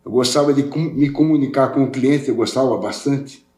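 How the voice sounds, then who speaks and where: In a room with noticeable echo, an older podcast guest who works as a welding specialist chats casually in a mellow, medium-pitched voice at normal speed. Born in Portugal and raised in Brazil, he rambles, repeating and restarting his words.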